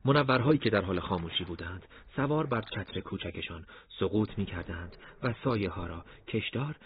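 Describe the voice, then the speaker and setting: A man narrating a war story in a steady, measured reading voice. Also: fairly low pitch, lo-fi sound, a little hiss or hum.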